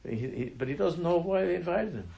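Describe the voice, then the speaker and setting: A man teaching a religious class, telling a story in a halting way, often restarting his sentences. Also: fairly high pitch, lively intonation, creaky, warm tone, breathy edge, lo-fi sound. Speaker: Torah teacher.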